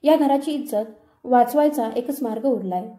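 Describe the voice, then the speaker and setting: A woman voicing a stern, cold old grandfather who speaks flatly and with finality. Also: on the high side, moderate pace, reverberant, close to an everyday voice.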